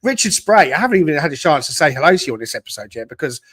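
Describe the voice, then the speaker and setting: A man with a fairly high voice hosts a podcast in easy, upbeat chat. He welcomes commenters by name before handing over to his guest. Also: sing-song, rapid-fire, a bit bright, breathy edge. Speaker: podcast host. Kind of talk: casual chat.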